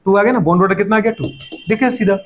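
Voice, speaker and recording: A man with a high-pitched voice lecturing a chemistry class. He talks in quick bursts, repeats his own catchphrases, throws out questions and teases students who get things wrong. He often answers for them in a mock student voice. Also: fairly bright tone, soft background music. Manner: playful scolding, voices students' replies. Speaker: chemistry teacher.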